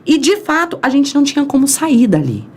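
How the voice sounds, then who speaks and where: Her voice sits high and moves a little fast as this Brazilian podcast guest spins a long interview story. She's animated throughout, performing the quoted lines and the characters' voices.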